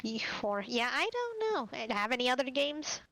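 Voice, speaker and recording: A woman's voice: high-pitched, sing-song, moderate pace, fairly bright tone, a little hiss or hum, poor audio. Easygoing woman chatting while gaming. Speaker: friend playing along. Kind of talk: casual gaming chat.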